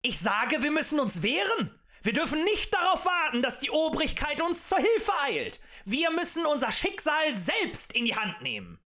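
A man voicing a fiery male demagogue who rants and shouts at a tavern crowd in an audiobook. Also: extremely high pitch, huge pitch swings, normal speed, pitched above the performer's own voice, exaggerated voice. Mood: ranting. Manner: ranting, shouting, rhetorical and accusing.

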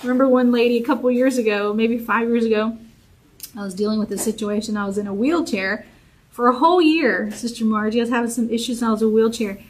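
Woman Bible study teacher, fairly high voice, informal sermon, repeats her points to a live group. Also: quick pace, low-quality recording. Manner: conversational, repetitive, encouraging preaching.

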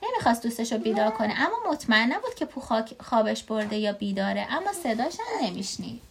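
A woman from Iran in her thirties reading a children's storybook aloud to her child, with expressive asides, music playing behind. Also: a little high, very noisy. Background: clear music.

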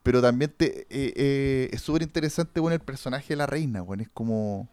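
A man's voice: medium pitch, brisk, darkish tone, clean tone, dry recording. A man with a Chilean accent hosting a podcast, talking casually and rambling about a series, full of slang and fillers. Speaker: podcast host. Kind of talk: casual chat reviewing a series.

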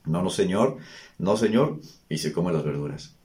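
Middle-aged male host, very low voice, chatty reflective monologue full of rhetorical questions. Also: expressive, moderate pace, a little mellow. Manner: conversational, rhetorical questions, frequent restarts.

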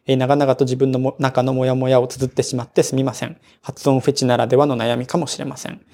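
A man co-hosting a podcast, reading a listener's letter aloud in a relaxed way and chuckling as he chats. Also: mid-range voice, quick pace. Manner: relaxed, chuckling, mixes Japanese and English. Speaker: podcast co-host.

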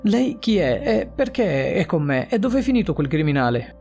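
Man reading a terrified elderly woman, anxious and pleading, slightly high, faint music under. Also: sing-song, normal speed, a little mellow. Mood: frightened. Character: elderly woman trapped in a coffin, frightened.

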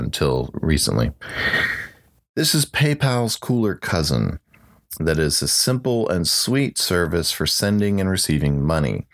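A man hosting a solo podcast, talking through his picks in an upbeat, conversational way with light jokes. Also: extremely low pitch. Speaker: podcast host.

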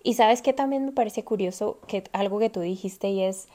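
A young woman co-hosting a casual podcast chat, lively and acting out the things people say to themselves. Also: medium pitch, moderate pace. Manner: animated, acts out quoted self-talk. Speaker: podcast co-host.

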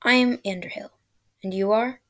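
A woman voicing a mysterious old British man who travels through time, calm and dry with a sarcastic edge. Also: mid-range voice, normal speed, natural voice.

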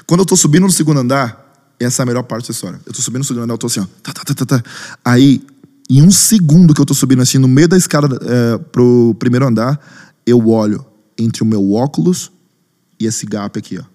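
A pastor and worship leader tells a story during a podcast interview, lively and fast in a mid-range voice, raising his voice to act out other people's lines. The recording sounds like a large hall.

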